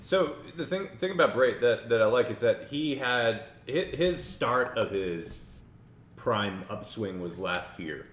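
A man's voice: mid-range voice, animated, measured pace, fairly bright tone. A man hosting a podcast, talking through football picks in a rambling, chuckling way. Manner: rambling, chuckling, self-interrupting. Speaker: podcast host. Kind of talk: casual sports chat. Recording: echoey room with faint noise.

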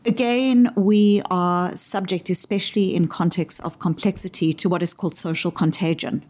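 A woman with a South African accent, answering interview questions in a measured, articulate way and using everyday examples to make her points. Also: lowish voice, steady tone, a little mellow. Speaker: interview guest explaining her framework.

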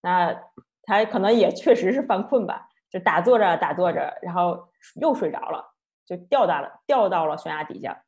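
A woman giving an online lecture, telling a story in a chatty, lively way. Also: lowish voice, moderate pace. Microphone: online talk, computer mic.

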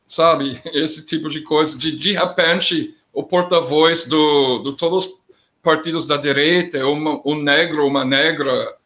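A middle-aged man who is not a native Portuguese speaker comments as a guest in a political discussion, speaking Portuguese with an accent. He is plain-spoken with halting grammar, and his slightly high voice is steady in tone, pushed and bright.

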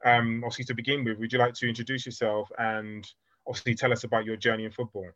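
A man hosting a football podcast, talking quickly and leaning on "obviously" as he asks questions, on a dull, dry recording. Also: mid-range voice, little pitch movement, a bit bright, dry recording. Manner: fast, leans on "obviously". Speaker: podcast host. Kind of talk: podcast interview.

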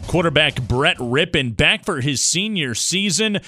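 A man's voice: fairly high pitch, expressive, unhurried, bright, forceful tone, slight background noise. A man hosting a sports show, reading a scripted preview.

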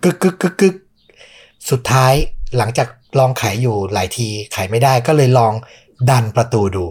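A man's voice: mid-range voice, steady tone, moderate pace, darkish tone, husky. Thai man telling a ghost story. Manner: suspenseful, conversational storytelling with polite particles. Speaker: podcast host.

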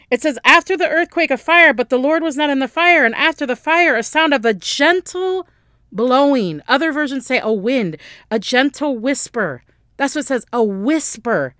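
A woman's voice: a little high, dry recording, clean studio sound. A woman preaching a sermon with passion, repeating phrases and restarting her sentences.

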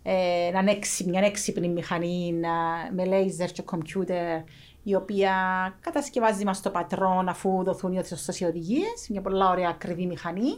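Εμφατική γυναίκα με κυπριακή προφορά. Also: female voice, lowish voice, darkish tone. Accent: Cypriot Greek. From Cyprus. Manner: emphatic, repeats phrases for stress. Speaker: interview guest, clothing factory owner. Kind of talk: casual conversational interview.

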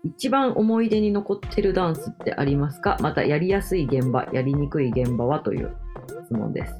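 A woman with a Kansai accent hosts a radio talk show and reads listener questions. Her voice is low, with a very lively pitch that swings up and down, and music is clearly audible behind her. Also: moderate pace. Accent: Kansai Japanese. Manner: animated, laughs easily. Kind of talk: casual radio chat, reading listener questions.

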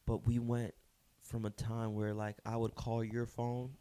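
A relaxed man in his mid twenties trading stories in a casual podcast chat, voice of ordinary middle pitch. He drifts easily between topics with slang and frequent laughs. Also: a little slow. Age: 20s. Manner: laid-back, laughs often, slangy. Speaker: podcast co-host.

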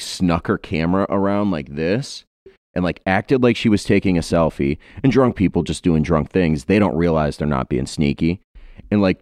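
A young man from Ohio talks in a loose, rambling podcast chat, joking and filling pauses with ums and likes. His voice sits very low, and the recording is close and dry, with no room sound around it. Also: darkish tone, dry recording. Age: 20s. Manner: rambling, joking, many fillers. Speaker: podcast host.

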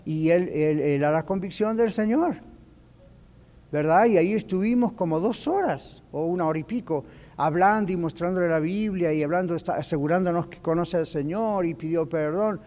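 A male pastor preaching an animated teaching sermon in church, dropping in English phrases. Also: on the high side, normal speed. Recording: echoey church hall.

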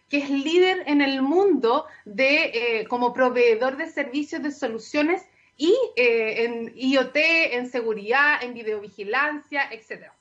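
A woman's voice: high-pitched, fairly bright tone, highs cut off. A woman, a marketing manager, giving fluent corporate answers in a radio interview.

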